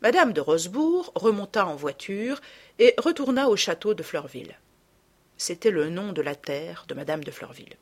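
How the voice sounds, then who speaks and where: A woman narrating a children's story in an expressive, measured reading voice. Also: on the low side. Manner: expressive, drops softer for asides. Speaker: storybook reader.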